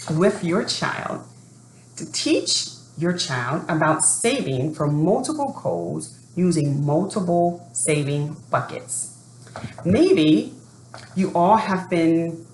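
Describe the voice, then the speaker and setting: This educator, a low-pitched woman, reads a children's book aloud slowly and deliberately, asking the kids questions and addressing families too. Her expressive reading echoes around the room, with faint noise in the background.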